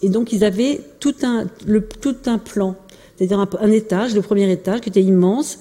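A woman's voice: medium pitch, normal speed, dark tone. A woman giving an informal illustrated talk about family archives, speaking hesitantly with many fillers and restarts. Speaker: lecturer presenting family archives. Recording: long hall reverb.

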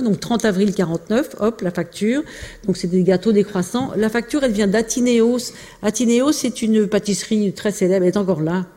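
In a casual illustrated talk, a woman shows old family photos and documents, often pausing, restarting and filling gaps with small hesitations. Her mid-range voice is dark and mellow, and a long reverb makes it ring out as if in a large hall.

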